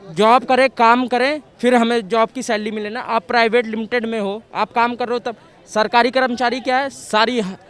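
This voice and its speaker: A man from Uttar Pradesh, India, interviewed on the street for a vox pop, gives his opinion in a high, clear voice. He is emphatic and blunt and repeats his points forcefully.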